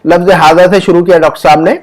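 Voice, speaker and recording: A man with a fairly high voice leads an Arabic lesson. He speaks patiently, repeats each word and stretches sounds slowly to model them, then checks in with his student. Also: fairly even intonation, darkish tone. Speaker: Arabic teacher.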